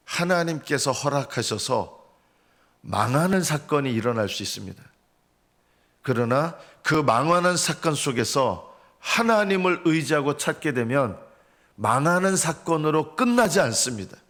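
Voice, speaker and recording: An earnest male pastor preaching a dawn sermon in a church. His voice sits at an ordinary middle pitch. He rises into emphatic cries, then falls back to hushed, low remarks. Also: expressive, measured pace. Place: church sanctuary.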